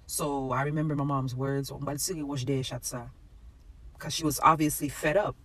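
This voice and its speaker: A woman from Haiti with a Haitian accent, telling a family story in a casual, animated way and slipping in Creole phrases. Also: rumbling low, fairly quick.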